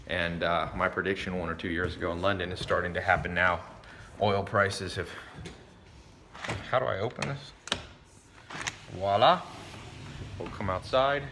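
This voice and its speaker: A man's voice: low voice, a little slow, long pauses, pushed and bright, slight background noise. A man hosting a casual vlog, joking and quizzing friends on a night out. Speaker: vlog host.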